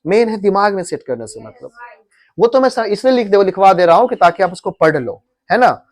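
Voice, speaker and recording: A man's voice: high voice, very animated, fairly quick. A man with an Indian accent teaching English grammar to a class, repeating words and drilling pronunciation in Hindi mixed with English. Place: coaching classroom.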